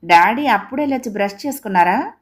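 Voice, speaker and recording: A woman's voice: mid-range voice, normal speed, natural voice. A woman voicing a young schoolgirl who misses her late mother, speaking in a plaintive, tearful way in a storybook reading. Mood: pleading.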